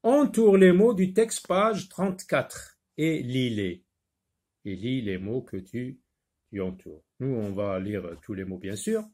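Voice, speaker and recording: Slow, patient male phonics teacher. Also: mid-range voice, animated, a little mellow. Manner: slow, patient, repeats words syllable by syllable; switches briefly into Arabic to explain. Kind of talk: primary school phonics lesson.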